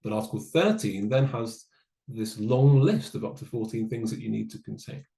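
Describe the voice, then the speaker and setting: A man giving a webinar presentation, explaining in a measured way with dry asides. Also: lowish voice, lively intonation, creaky, mellow, roomy sound, rough recording. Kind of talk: online presentation on data law.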